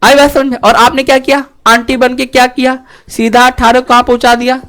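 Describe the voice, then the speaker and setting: A man teaching a class, who keeps asking the students whether they have understood and moves between joking asides and earnest advice. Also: very high voice. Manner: keeps checking students understood with quick questions; joking and lively, then earnest and preachy. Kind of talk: classroom lecture.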